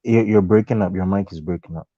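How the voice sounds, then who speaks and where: A man's voice: low voice, fast talker. A man on a conference call, insistently arguing in a heated casual football debate. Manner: insistent, repeats himself, cuts in. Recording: dull dry online call line.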